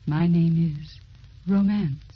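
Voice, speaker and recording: An actress playing Romance personified, a gracious, poetic hostess reading scripted narration on old-time radio. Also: female voice, sits low, fairly even intonation, slow pace, muffled recording, over music. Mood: lofty, intimate. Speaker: host.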